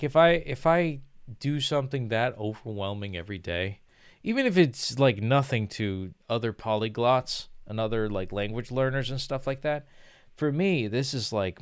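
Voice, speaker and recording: A man's voice: medium pitch, clear, resonant tone, no room sound, clean studio sound. A young man from the United States chatting casually on a livestream, rambling with lots of fillers and restarts. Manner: rambling, filler-heavy, self-correcting.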